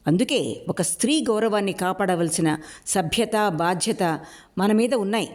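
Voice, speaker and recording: A woman's voice: medium pitch, unhurried, close to an everyday voice. A woman voicing a fierce, angry young man who roars his lines at a village council meeting. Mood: defiant. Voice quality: fierce, roaring delivery.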